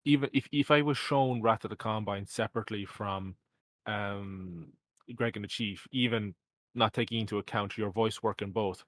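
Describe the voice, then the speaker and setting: Young guy hosting a podcast, low voice, dry close mic, rambly and full of ums. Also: fairly bright tone, no room sound. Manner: rambling, lots of fillers and restarts. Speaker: podcast host. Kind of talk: casual podcast chat.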